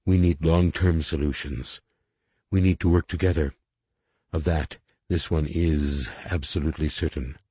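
A man voicing a calm, solemn reptilian alien warrior woman with a rough voice, who speaks formally and calls herself "this one". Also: rumbling low, measured pace, no room sound, clean studio sound, full character voice. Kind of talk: audiobook character voice.

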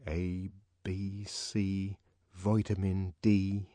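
A man's voice: low-pitched, monotone, extremely slow, mellow, dry recording. A man voicing an indignant young man whose voice trembles with anger. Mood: murmuring.

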